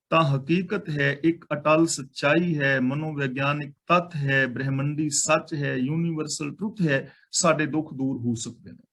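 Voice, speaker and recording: A man with a Punjabi accent teaching Sikh scripture line by line. He intones each verse slowly, then explains it in plain everyday talk with some English words mixed in. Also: on the high side, fairly bright tone.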